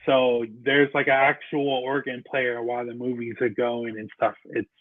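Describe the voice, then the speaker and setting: A man's voice: medium pitch, monotone, normal speed, no echo. A man hosting a casual chat, rambling and restarting as he explains things. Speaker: podcast host. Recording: tinny phone-line sound, dry.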